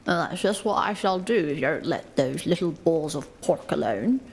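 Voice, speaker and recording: A woman voicing a stern, gruff old horse in a low, gravelly, threatening way, as a whispered role-play in a storybook reading. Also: animated, normal speed, slight background noise.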